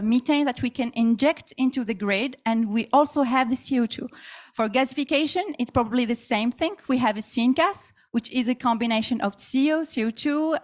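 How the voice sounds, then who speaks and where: A woman giving a technical conference presentation, hesitant, with frequent fillers. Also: fairly high pitch. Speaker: conference speaker.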